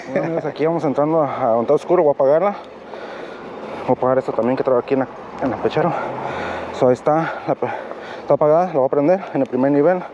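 Riding his bike through city streets at night, a medium-pitched man narrates a casual vlog in Spanish, which he's learning; English is his native tongue. He speaks haltingly with many fillers. The action camera mounted on the bike records dull sound thick with traffic and road noise.

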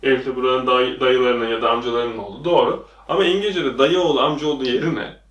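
A man's voice: medium pitch, steady tone, quick pace, a bit bright, muffled recording. A man teaching a lesson at a whiteboard, quizzing the viewers with repeated questions, recorded in a classroom. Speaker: English teacher. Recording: echoey room, voice from a distance.

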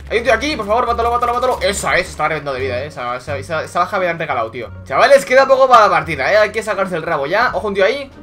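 Young man, excitable game commentator, fairly high bright voice with faint music behind. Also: racing, hardly any pauses. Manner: excitable, swearing, shouting at kills. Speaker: gaming YouTuber. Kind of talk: live gameplay commentary. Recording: music in background.

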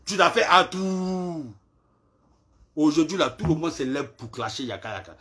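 A man, ranting in a live social media clash video, taunting and repeating himself, shouting at times and dropping to low mutters. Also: animated, normal speed. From Ivory Coast.

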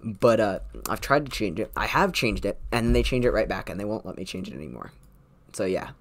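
A young man with a fairly low voice streams a game, joking easily with his teammates. His talk is loose and casual, with quick callouts between chatter to his viewers. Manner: relaxed, joking, calls out plays. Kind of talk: casual gaming chat.

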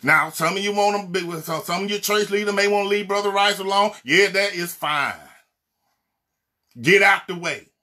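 A man's voice: sits high, moderate pace, pushed and bright. A man from Mississippi with a Southern accent, preaching a fiery, blunt sermon and hammering his points home with repeated refrains. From Mississippi, USA. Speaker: evangelist minister. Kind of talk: impassioned social media sermon.

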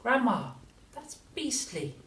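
Brief: reader doing a scared little boy, high, pleading, lively pitch, echoey room. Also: takes it slowly, full character voice. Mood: protesting. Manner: protesting, pleading. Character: frightened small boy. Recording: roomy, distant from the mic.

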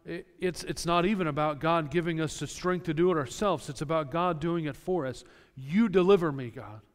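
A male pastor delivers an earnest sermon in a smooth, resonant, slightly high voice. He explains scripture with homely everyday examples, and his words ring out with the long reverb of a church sanctuary. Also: steady tone, normal speed.

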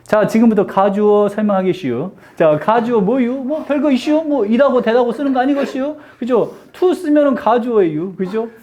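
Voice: mid-range voice, normal speed, hardly any pauses, mellow, voice pushed up, lightly acted. An English teacher putting on a mock Chungcheong dialect, drawling and teasing, in a classroom lecture. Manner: drawling, teasing, breaks into laughter.

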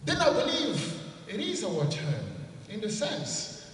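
A man in his forties from Cameroon with a Cameroonian accent, giving an earnest, measured inspirational talk into a handheld mic at an event. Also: very high voice, wildly swooping pitch, distant mic, a little hiss or hum. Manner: earnest, measured, repeats for emphasis. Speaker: motivational speaker. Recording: echoey hall, heard from afar.

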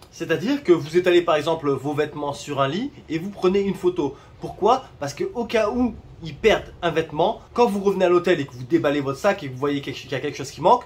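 A man's voice: a little high, slightly rough. A man from France giving travel tips in a casual vlog, chatty and joking, speaking straight to viewers outdoors. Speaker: travel vlogger.

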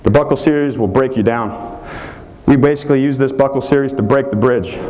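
At a live football technique clinic held in a hotel meeting room, a man in his thirties explains every move while demonstrating it. His medium-pitched voice is brisk and a little mellow, and the audio is poor.

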